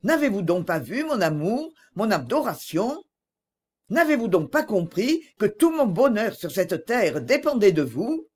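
A woman's voice: mid-range voice, big pitch swings, unhurried, a little mellow, husky. A woman reading an audiobook voices a passionate young man who speaks reproachfully.

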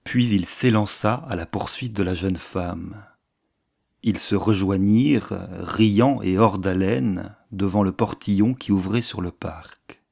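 A man narrating a classic novel aloud in a measured, literary way. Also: deep voice, vocal fry, darkish tone. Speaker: audiobook narrator.

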